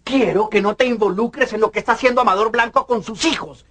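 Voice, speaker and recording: A man's voice: high voice, a little fast, a bit bright, slightly rough. An actor playing a controlling, indignant middle-aged father in a telenovela, scolding with sarcastic emphasis. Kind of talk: telenovela acting. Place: furnished bedroom set, indoors.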